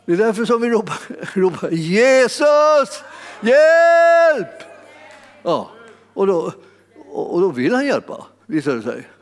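En manlig predikant med ganska ljus röst, som talar trevande, tar om ord och ibland brister ut i höga utrop, i en stor sal med lång efterklang. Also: male voice, a little high, a little mellow. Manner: halting, repeats words, rises to exclamations. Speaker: preacher. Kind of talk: sermon. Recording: long hall reverb.

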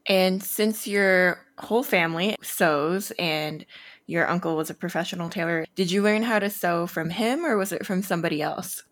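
A woman's voice: lowish voice, moderate pace. A woman co-hosting a podcast, joking with her co-host and then introducing the guest in a friendly way.

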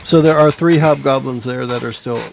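A man acting as game master, casually narrating a tabletop game in a halting way as he searches for words. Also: mid-range voice, creaky, a little hiss or hum.

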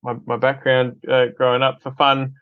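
This podcast guest, an Australian from Adelaide who runs a film company, speaks at medium pitch in a monotone and at normal speed. Earnest and casual, he often repeats words when restarting, and the audio is narrow and tinny without any echo.

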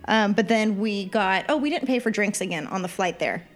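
Podcast lady telling a story, lively, does little voices for everyone, faint music behind. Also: mid-range voice, moderate pace. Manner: animated storyteller who acts out quoted people. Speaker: podcast co-host. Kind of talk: casual storytelling chat.

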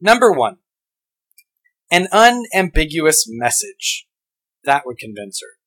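A man's voice: fairly high pitch, very animated, slow pace, fairly bright tone, rough recording. A man hosting a podcast, delivering a scripted rebuttal in a sarcastic, argumentative way, with many pointed rhetorical questions. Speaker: podcast host and blogger.

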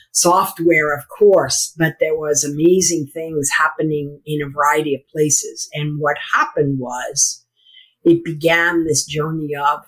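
A middle-aged or older woman with a hoarse, froggy, croaking voice, talking conversationally as a podcast guest. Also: low voice, low-quality recording. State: hoarse, needing lozenges. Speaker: podcast guest, former lawyer. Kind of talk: conversational interview.

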